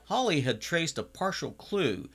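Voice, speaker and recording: A man in his sixties recapping a TV episode in a chatty, casual way, now and then breaking into animated exclamations. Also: on the high side, unhurried, husky, soft background music. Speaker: TV series reviewer.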